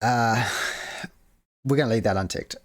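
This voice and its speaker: A man's voice: medium pitch, unhurried, no room sound, studio quality. Rambling man with hesitant fillers. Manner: rambling, many fillers and restarts. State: hiccuping. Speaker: game modding tutorial host. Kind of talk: casual screen-share tutorial.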